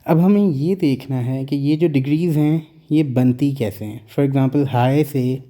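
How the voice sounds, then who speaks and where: A man teaching a grammar lesson, speaking slowly and explaining each rule, mixing English terms into Hindi-Urdu talk. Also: mid-range voice, dark tone.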